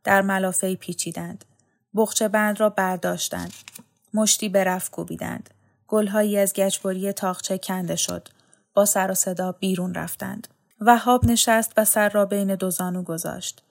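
Woman narrating an audiobook calmly. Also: mid-range voice.

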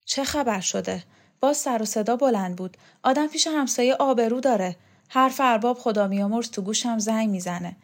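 A woman's voice: on the high side, pitched above the performer's own voice. A woman voicing a frail, fearful sick woman. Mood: fretful. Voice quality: plaintive, worried.

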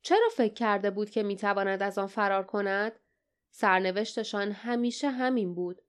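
Woman reading an audiobook in a smooth voice. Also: steady tone. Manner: reads dialogue with raised pitch and energy. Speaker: audiobook narrator.

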